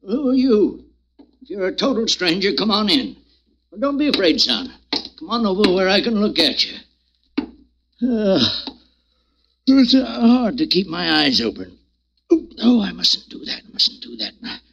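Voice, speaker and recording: A man's voice: high-pitched, sing-song, a little slow, pauses often, a bit bright, muffled recording, exaggerated voice. An actor playing a frail, wicked, bedridden old man in a 1940s-style radio drama, rambling and wheezing. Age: older. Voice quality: gravelly, quavering.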